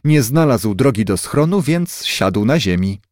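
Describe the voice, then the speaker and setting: A man narrating a children's story chapter as an audiobook, in an expressive, lively way. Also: medium pitch, a little slow, no room sound, clean studio sound.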